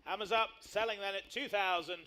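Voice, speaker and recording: High-voiced male auctioneer calling bids. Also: fairly even intonation, a little fast, very noisy. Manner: repetitive bid patter with short clipped phrases.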